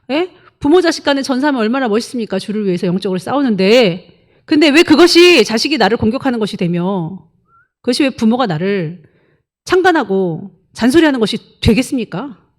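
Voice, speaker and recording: A woman's voice: on the high side, very animated, brisk. A woman pastor preaching a sermon emphatically, firing rhetorical questions and prodding the congregation for answers.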